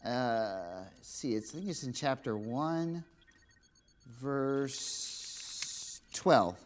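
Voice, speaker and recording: A woman voicing a curious, easily confused male puppet doctor who gently explains Bible lessons in a children's church show. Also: extremely low pitch, lively intonation, very slow, heavily acted. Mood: explaining.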